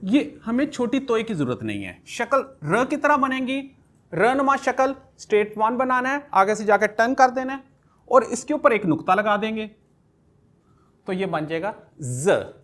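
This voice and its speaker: Male kindergarten teacher, patient and step-by-step, lively up-and-down intonation, repeats letter sounds. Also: sits high. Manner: talks through each pen stroke step by step. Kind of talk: alphabet writing lesson for young children.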